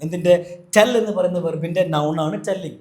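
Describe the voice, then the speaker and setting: A man's voice: high voice, normal speed, a little mellow, echoey room. A man teaching an English grammar lesson, asking questions and answering them himself. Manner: asks and answers his own questions, repeats key points.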